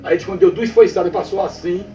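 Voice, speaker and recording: This is a spoken folk tale: a ghost story told to a listener by a man from the Brazilian Northeast backlands, speaking with that accent. His voice is high, fast, and mellow. He keeps repeating phrases and checking that his listener is keeping up, heard through a far-off mic in a roomy space with faint music.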